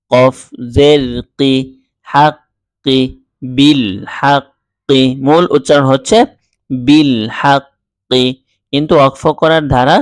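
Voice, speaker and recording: A man teaching Quran reading, spelling out letters and vowel marks slowly and then explaining quickly. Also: mid-range voice, dry recording. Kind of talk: slow syllable-by-syllable recitation lesson.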